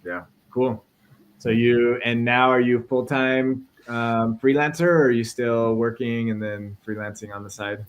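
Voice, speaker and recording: A man's voice: mid-range voice, a little slow, clean tone, highs cut off. A man hosting a casual tech podcast, chatting easily and reading a sponsor spot. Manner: relaxed, reads sponsor spot. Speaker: podcast host.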